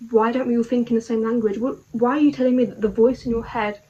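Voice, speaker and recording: A woman's voice: a little high, fairly even intonation, fast talker, mellow, highs cut off. Chatty young woman vlogging. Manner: chatty, puzzled, full of "like" and rhetorical questions. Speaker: video diary vlogger. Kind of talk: casual rambling monologue to camera.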